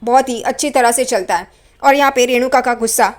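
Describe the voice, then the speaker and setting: A woman narrates a TV serial episode as a spoken recap. She retells it briskly and chattily, in a high voice. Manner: brisk retelling with "yahan pe" asides.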